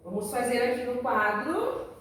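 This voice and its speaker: A woman teaching a primary school class, explaining patiently and repeating words slowly so young children can follow. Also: on the high side, lively intonation, fairly bright tone, recorded from a distance. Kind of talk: recorded remote class lesson. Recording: very echoey room, voice away from the mic.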